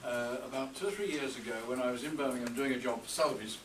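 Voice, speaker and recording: Speaking fast in a medium-pitched, fairly bright voice, an older man delivers a tribute at a birthday reception in a hotel room. He tells anecdotes with dry wit and a storyteller's pace. The audio is roomy and distant, full of function-room noise.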